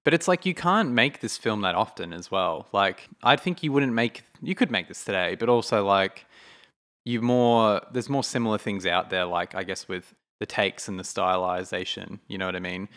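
A man's voice: fairly low pitch, moderate pace, a bit bright. A man co-hosting a film podcast, thinking aloud in a rambling, casual way with many fillers. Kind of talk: casual chat.

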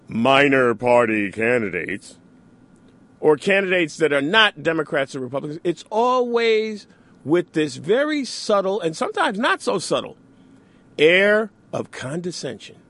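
A man's voice: fairly high pitch, fairly bright tone. A man hosting a radio talk show, delivering an opinionated monologue with sarcastic asides. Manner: sarcastic, mocks opponents in mimicking asides.

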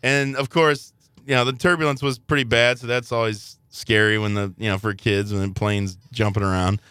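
A man's voice: fairly low pitch, moderate pace, clear, resonant tone, dry recording, clean studio sound. A man, a father and podcast host, telling a story in casual chat and acting out the people in it. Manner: animated storytelling, acts out his kids. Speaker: father of three.

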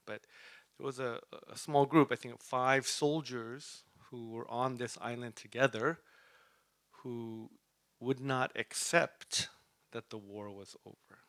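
A man's voice: mid-range voice, steady tone, takes it slowly, fairly bright tone, no echo. Man preaching in a chatty way, dry sound. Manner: conversational, often asks "right?", uses fillers. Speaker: preacher teaching a Bible study. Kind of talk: sermon.

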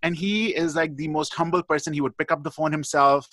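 A man's voice: a little high, fairly even intonation, brisk, a bit bright, dry recording. A man, a guest pathologist, telling a long story in a podcast interview, chatty and full of "like" and "you know".

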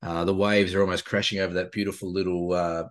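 A man's voice: sits low, level tone, quick pace. An Australian man chatting casually as a co-host, with a dry, laconic drawl. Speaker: co-host, landscape photographer. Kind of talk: casual chat on a video show.

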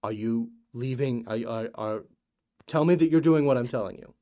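A man's voice: medium pitch, normal speed, warm tone, close to an everyday voice. A man voicing a stern, worried father who gives curt, urgent orders.

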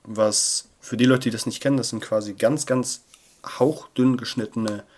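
Young guy chatting on his podcast, playful, goes loud then real quiet, mic right up close. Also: mid-range voice, steady tone, moderate pace. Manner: chatty and playful, swings between loud bursts and near-murmurs. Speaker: podcast host. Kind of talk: casual podcast chat. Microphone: sensitive close mic that picks up paper rustle.

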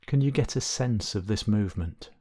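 A man whose voice is on the low side leads a guided body scan meditation with lively intonation. He gives gentle, slow-paced instructions and lets long pauses fall between phrases.

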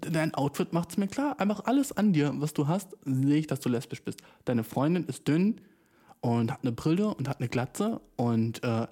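A man's voice: fairly high pitch, sing-song, moderate pace, warm tone, husky. A young man hosting a podcast in a casual, rambling monologue, swearing often and dropping English slang into his speech. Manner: rambling, profane, slangy, mixes in English words. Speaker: podcast host.

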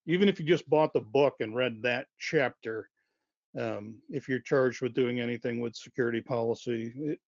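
A man whose voice is going hoarse talks through a webinar in an easygoing, halting way, full of ums and restarts. His voice comes over a dull, lo-fi web call with a dry, close sound and no room around it. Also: medium pitch, a little mellow, dry recording. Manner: informal, halting, many fillers and self-corrections. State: losing his voice. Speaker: webinar guest speaker, university wireless lead. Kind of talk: conversational webinar presentation.

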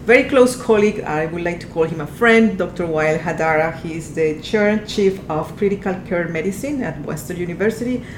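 A woman's voice: a little fast, few pauses. A woman hosting an interview podcast, asking curious questions. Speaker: podcast host. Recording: echoey room with faint rumble.

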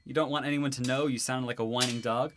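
A man's voice: mid-range voice, steady tone, quick pace, noisy background, lightly acted. A man voicing a cocky, teasing young prince and husband in a student radio drama.

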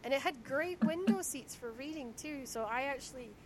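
A woman's voice: sits high, normal speed, a crowd in the background. A woman with a Shetland accent talking casually and candidly in a conversational interview, telling anecdotes. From Shetland, Scotland.

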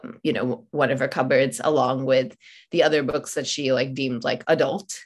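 A podcast interview features this author guest, an Indian woman raised in Oman whose first language is Malayalam. Her very low-pitched voice has a steady tone, and she talks thoughtfully, with many fillers, pauses and restarts as she searches for words.

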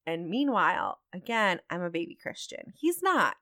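A woman's voice: fairly low pitch, very animated, normal speed, pushed and bright, no echo, studio quality. A woman hosting a podcast, telling her own story in a candid, reflective and earnest way. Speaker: podcast host.

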